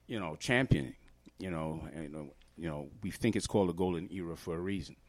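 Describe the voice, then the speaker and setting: A hip-hop artist from Trinidad and Tobago, appearing as a guest on a casual podcast, explains things earnestly with many fillers. His voice sits low, sounds a little mellow, and moves briskly.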